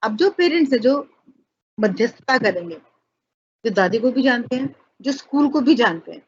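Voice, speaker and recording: A woman's voice: on the high side, animated, normal speed, slight background noise. A woman teacher giving an online class lecture, explaining step by step with examples and mixing English words into her talk. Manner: mixes English words into Hindi; addresses students fondly as children. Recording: dull, muffled audio.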